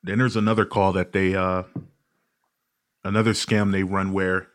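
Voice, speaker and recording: Male podcast host, low voice, profane animated ranter. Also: normal speed. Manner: profane, ranting, animated storytelling. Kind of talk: casual comedic podcast monologue.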